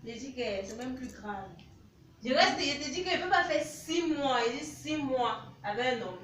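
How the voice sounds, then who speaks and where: A woman's voice: high voice, expressive, normal speed, fairly bright tone, far from the mic, a little hiss or hum. A woman acting a flighty young woman drawn to married men in a comedy sketch, rambling and pleading and dodging questions. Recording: roomy echo, voice a bit off-mic.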